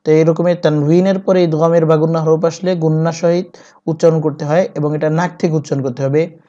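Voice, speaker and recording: A man teaching Quran reading, spelling out syllables one by one and chanting each verse slowly. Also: fairly high pitch, flat delivery, mellow. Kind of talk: step-by-step recitation lesson. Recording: dull lo-fi recording.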